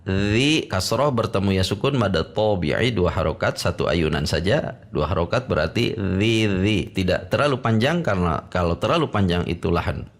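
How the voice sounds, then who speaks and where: A man's voice: low-pitched, expressive, normal speed. A middle-aged man teaching Quran recitation step by step, patiently sounding out and repeating each syllable.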